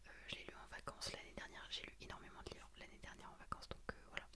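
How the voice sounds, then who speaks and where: Whispering young woman, ASMR book chat. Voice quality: breathy unvoiced whisper. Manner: hushed library-style whisper, hesitant pauses. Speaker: ASMR creator.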